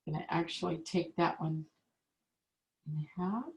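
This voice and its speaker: A woman's voice: low voice, steady tone. A woman teaching an online calligraphy class, patiently explaining each step as she demonstrates. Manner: slow, patient step-by-step instruction. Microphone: video call. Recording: echoey room on a video call.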